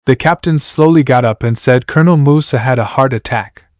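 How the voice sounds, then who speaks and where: A man's voice: medium pitch, a little fast, a little mellow, dry recording. Male narrator, mid-range voice, dry booth sound, reads every character plainly. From Iran. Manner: reads all characters in the same voice, announcing speaker names. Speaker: narrator reading his novel. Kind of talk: flat audiobook narration.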